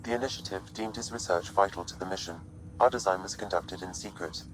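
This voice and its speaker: A man voicing a calm male artificial intelligence in a video game, speaking in a measured, formal, unemotional way through a computer-processed synthetic filter. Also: sits low, soft background music, rough recording. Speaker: ship's AI companion.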